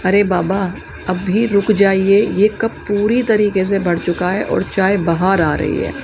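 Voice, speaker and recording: A woman's voice: mid-range voice, fairly even intonation, slow. A woman telling a devotional story, voicing a proud, learned male priest who is boastful yet earnest. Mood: protesting. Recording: muffled lo-fi with clear background noise.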